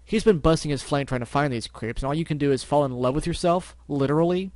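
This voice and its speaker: A man's voice: a little high, fast, a little mellow, dry recording, natural voice. A man voicing a hot-headed young male pegasus pony in a storybook reading, blunt, slangy and confrontational. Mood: accusing.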